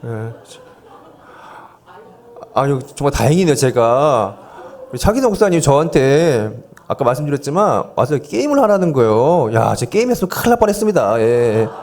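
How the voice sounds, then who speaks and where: A man's voice: mid-range voice, big pitch swings, moderate pace, a little mellow. A male pastor in his forties, leading a volunteer seminar from the pulpit with jokes and light coaxing of the congregation. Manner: joking, coaxing the congregation, self-deprecating asides. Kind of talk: playful sermon with audience games. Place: church sanctuary, speaking from the pulpit. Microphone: handheld microphone.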